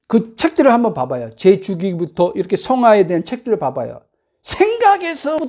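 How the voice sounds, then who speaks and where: A woman pastor delivering a sermon at home, pressing the congregation with rhetorical questions and rising to near-shouts for emphasis. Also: medium pitch.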